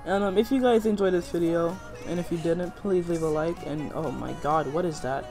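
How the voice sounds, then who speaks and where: Young guy rambling over a game, kinda high voice, lots of slang, hypes himself up, music playing behind him. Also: moderate pace, darkish tone. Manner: rambling, slangy, self-hyping. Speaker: gaming video host. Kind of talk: casual gameplay commentary.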